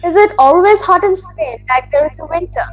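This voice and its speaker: A woman's voice: very high voice, animated, brisk, muffled recording, soft background music. A woman with an Indian English accent chatting with a tutor on a video call, laughing lightly between answers. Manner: chatty with frequent small laughs. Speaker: English learner and channel host. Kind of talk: casual video-call chat and scripted intro. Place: video call on a language app.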